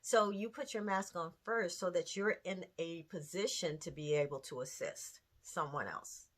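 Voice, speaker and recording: A woman's voice: on the low side, normal speed, fairly bright tone. A woman in her late fifties hosting a candid talk series, speaking earnestly and conversationally to the camera, with rhetorical questions and emphasis. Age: 50s. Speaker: host.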